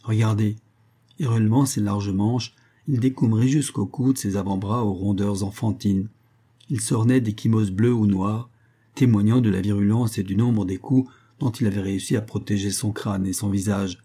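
A man reads literary fiction aloud in a measured, even manner. His voice is low and very dark, with a husky grain to it. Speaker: narrator. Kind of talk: audiobook narration.

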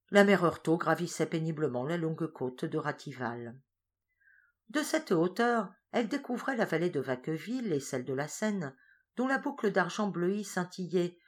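A woman reading a story aloud as narrator, slow and measured in the descriptive passages. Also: low-pitched.

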